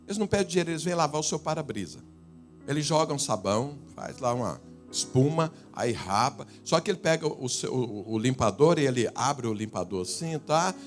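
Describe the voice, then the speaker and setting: A man with a Brazilian Portuguese accent preaching a sermon, telling stories and swinging between loud emphatic lines and quiet asides. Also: medium pitch, expressive, fairly quick, faint music behind. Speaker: pastor. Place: church.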